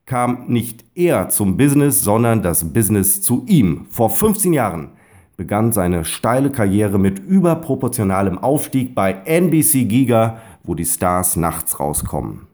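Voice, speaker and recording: A man's voice: lowish voice, sing-song, measured pace, a little mellow. A man in his thirties with a Westphalian accent, reading his own blog text aloud in a wry, self-ironic way and stressing words heavily. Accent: Westphalian German. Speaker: blogger and voice-over speaker.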